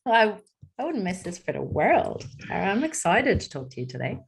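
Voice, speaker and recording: A woman's voice: medium pitch, sing-song, moderate pace, creaky, slight background noise. A woman in her forties with a Dublin Irish accent, chatting openly as a podcast guest with plenty of ums and likes. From Ireland. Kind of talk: casual interview chat.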